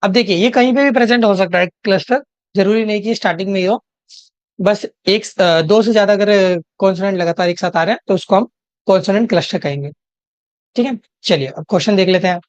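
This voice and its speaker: A young woman with a medium-pitched voice and Indian English accent tutors an English exam lesson in Hinglish. She breaks it down step by step, slowly reading English questions and regularly checking in with "theek hai?" The home recording is dry and a little dull.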